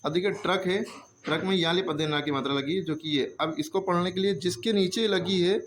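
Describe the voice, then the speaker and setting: A man's voice: sits high, a little fast, a bit bright, slight background noise. A man teaching a handwriting lesson, explaining patiently step by step and often checking that the students follow.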